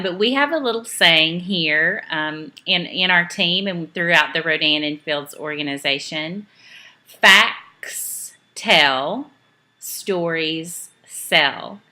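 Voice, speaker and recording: A middle-aged woman from East Tennessee, a direct sales team trainer, speaks in a low, sharp voice with a Southern accent. She gives a chatty, upbeat training talk for a home video, peppered with "um"s and corrections of herself.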